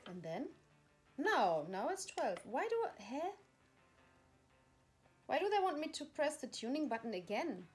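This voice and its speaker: A woman's voice: sits high, big pitch swings, a little slow, pauses often, faint music behind. A woman ranting in exasperation as she reads instructions aloud, repeating herself. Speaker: vlogger. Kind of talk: frustrated vlog monologue reading instructions aloud.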